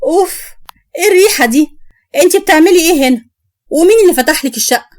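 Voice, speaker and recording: Woman doing a bossy young egyptian wife, high sharp voice, yelling and quick. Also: animated, dry recording, studio quality. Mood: angry. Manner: shrill, scolding, loud. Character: harsh bad-tempered pregnant young wife.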